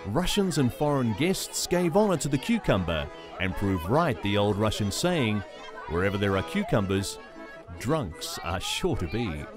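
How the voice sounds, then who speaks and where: Lively male news voice-over over music. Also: on the low side, unhurried. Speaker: news narrator. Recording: voice-over over music and crowd sound. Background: music and crowd noise.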